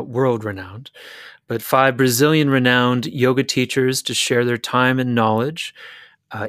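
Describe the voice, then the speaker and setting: A man hosts an interview in a medium-pitched voice, recorded very dry. He speaks formally and a little hesitantly, as a podcast co-host introducing a guest. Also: a bit bright, no echo. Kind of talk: interview hosting, partly reading an intro.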